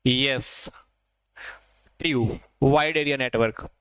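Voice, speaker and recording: A man with an Indian accent teaching an exam-prep lesson. He reads quiz questions slowly, then explains them and answers them himself. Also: mid-range voice, steady tone, fairly bright tone, smooth, no echo, low-quality recording.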